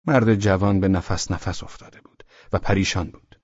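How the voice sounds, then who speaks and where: Husky low-voiced man narrating an audiobook. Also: steady tone, darkish tone, dry recording. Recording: dull dry lo-fi recording.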